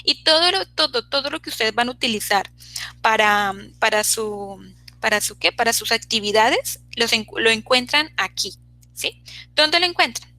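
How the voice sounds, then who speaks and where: A woman's voice: on the high side, expressive, normal speed, bright, forceful tone, no room sound, poor audio. A woman teaching an online English class, checking in constantly with her students as she explains.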